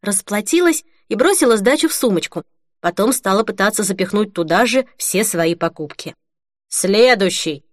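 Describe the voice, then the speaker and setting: A woman reading a novel aloud as an audiobook narrator, in an even, measured way. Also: medium pitch, no room sound, clean studio sound. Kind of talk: scripted narration.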